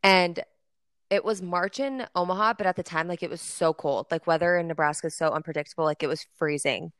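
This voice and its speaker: A woman's voice: fairly low pitch, fairly quick, fairly bright tone, no room sound. A young woman co-hosting a podcast, telling a long story in casual chat with lots of fillers. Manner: chatty, filler-heavy storytelling. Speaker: podcast co-host.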